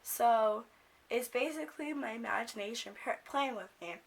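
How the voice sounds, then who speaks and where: Young american woman doing storytime, sick w a cold, raspy smokers croak, kinda high voice, lots of fry, rambly n sweary. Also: normal speed. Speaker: video blogger. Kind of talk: casual storytime.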